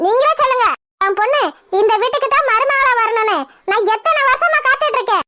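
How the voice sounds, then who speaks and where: A woman voicing a fiery scolding cartoon mother, very high. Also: fast talker, no echo. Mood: indignant. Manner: shouting, scolding, indignant. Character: fiery middle-aged mother, quick-tempered and possessive. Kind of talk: cartoon voice acting.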